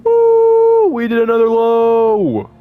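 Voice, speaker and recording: A man putting on a sarcastic, overjoyed voice that cheers a new low with mocking whoops. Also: sing-song, takes it slowly, phone-quality sound, exaggerated voice. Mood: mock jubilant.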